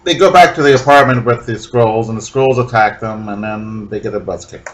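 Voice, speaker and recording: A man co-hosts a casual podcast about comics, speaking in a relaxed and wry manner. He often trails off or restarts mid-sentence as he talks. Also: fairly low pitch, fairly quick, a little hiss or hum. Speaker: podcast co-host. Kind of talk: casual comic book discussion.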